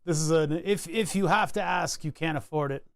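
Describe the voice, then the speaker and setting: Streaming live from his home computer desk, a man chats casually while designing a circuit board, thinking aloud and often restarting sentences. His voice is a little high and gravelly at a moderate pace, in clean studio sound with no room tone.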